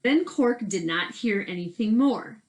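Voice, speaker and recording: With a medium-pitched voice, lively intonation, and a slightly slow pace, a middle-aged woman chats her way through a storybook for children. She's at home in a bedroom, addressing her young listeners with questions as she reads.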